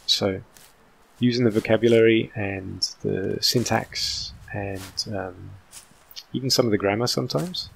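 Fairly low and creaky, this man's voice belongs to a gaming channel host in his thirties from England. His accent is British with some American mixed in. He rambles casually through let's-play commentary, chatty and full of "um"s.

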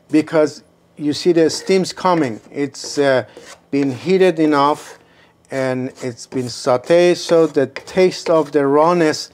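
In his kitchen, a Persian-accented cooking show host in his sixties explains a home recipe one step at a time without hurrying. He has a fairly high-pitched voice, and faint hiss or hum can be heard.

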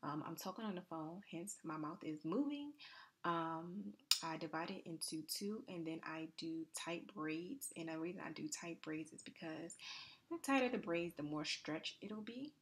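A young woman chatting casually in a soft, low, near-whispered voiceover for a hair tutorial, with plenty of fillers. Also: animated, normal speed, breathy edge. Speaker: hair vlogger. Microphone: voiceover mic.

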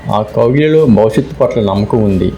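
A man narrating a romantic story in a calm, steady scripted read. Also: lowish voice, brisk, faint music behind, poor audio.

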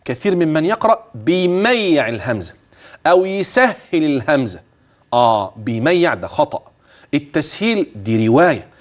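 A man's voice: a little high, a little mellow. A man with an Egyptian accent teaching Quran recitation rules, demonstrating words and correcting a student. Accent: Egyptian Arabic. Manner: patient, corrective, demonstrates each word. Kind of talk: explaining tajweed rules and reciting.

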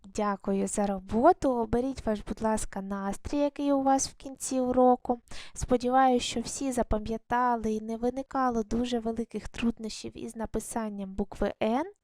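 A woman teacher records a video lesson for young pupils, guiding their handwriting one step at a time. Her voice sits a little high, and she praises them often as she goes. The sound is close and dry, with no room around it. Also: fairly even intonation, normal speed, a little mellow, no echo. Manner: patient, step-by-step instructions with praise. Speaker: primary school teacher.

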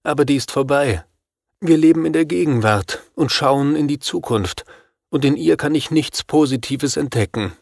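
A man's voice: fairly high pitch, normal speed, vocal fry, a little mellow, dry recording, clean studio sound, pitched above the performer's own voice. A man reading an audiobook, voicing a desperate, anxious father who fears for his son. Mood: worried. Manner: anxious, agitated. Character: worried middle-aged father, desperate, pleading.

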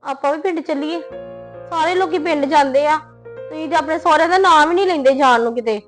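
A woman's voice: high voice, fast, soft background music, natural voice. A woman playing a sulky young wife. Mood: aggrieved. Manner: sulky, complaining. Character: young wife sulking about her sister-in-law. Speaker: daughter-in-law in a family short film. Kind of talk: scripted short film acting.

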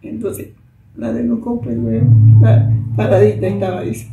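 An older woman, telling a personal story as an interviewee in a halting, soft-spoken way. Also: medium pitch, steady tone, vocal fry, over loud music. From Peru. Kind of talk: emotional personal testimony. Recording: roomy, distant mic, faint noise.

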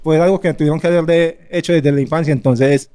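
A young Colombian man from Medellín performs stand-up in a comedy club. His voice sits fairly high and sounds smooth and resonant. He chuckles through his self-mocking jokes, and his R sound is a little off. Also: fairly even intonation, fast, dark tone. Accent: Colombian Spanish. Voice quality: slight speech impediment on R. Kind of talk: stand-up set, then stage banter.

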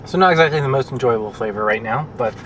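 A man's voice: mid-range voice, quick pace, fairly bright tone. Casual male food reviewer talking while chewing, hesitant and rambling, a little distant from the mic. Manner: rambling, hesitant, many fillers. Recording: distant mic, faint traffic noise.

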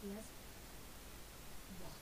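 A woman's voice: drawn-out words, darkish tone, low-quality recording. A woman playing a game with a friend, chatting casually, teasing him and giggling often. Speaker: co-player. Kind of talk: casual gaming chat.

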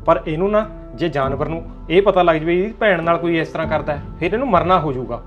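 A gruff but kindly old father-in-law, played by a man, talking quickly in a fairly high voice. He scolds and bickers with his wife. Faint music sits behind him. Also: animated, muffled recording, lightly acted. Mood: grumbling, sympathetic. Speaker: actor. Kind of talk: amateur short-film acting.

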